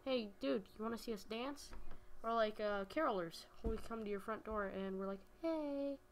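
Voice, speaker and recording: A woman's voice: medium pitch, fairly even intonation, moderate pace, a little hiss or hum. A young woman casually commenting on her gameplay at home, chatty and giggly, talking to the creatures on screen. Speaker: gaming video host. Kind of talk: casual let's-play commentary. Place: home room. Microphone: home desk microphone.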